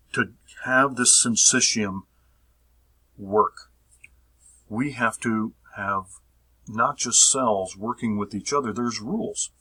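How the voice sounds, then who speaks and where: Husky-voiced man lecturing on physiology. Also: on the low side, pushed and bright, rough recording. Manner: repetitive, checks understanding with the audience; stretches out key terms slowly. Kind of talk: recorded lecture.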